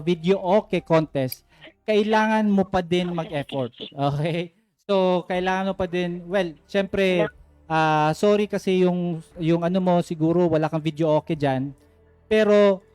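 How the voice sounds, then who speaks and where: A man with a high, smooth voice hosts a live online singing contest. He talks slowly and gives friendly coaching feedback to the singers, checking in with "okay?" and slipping English phrases in. The sound is dry and close, with faint music underneath. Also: a little mellow, no room sound. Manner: mixes English phrases into his talk. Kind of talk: live-streamed contest hosting with phone calls.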